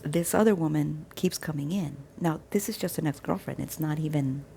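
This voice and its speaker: A woman's voice: low-pitched, moderate pace, gravelly, mellow, slight background noise. A woman casually telling a personal faith story, chatty and sometimes dropping to a whisper. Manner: chatty, acts out quoted dialogue with restarts. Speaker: vlogger sharing a faith testimony.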